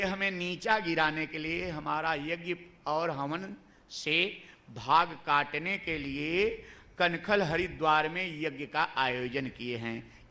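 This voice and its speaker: A man voicing a calm, patient male god who reasons gently with his wife. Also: a little high, exaggerated voice.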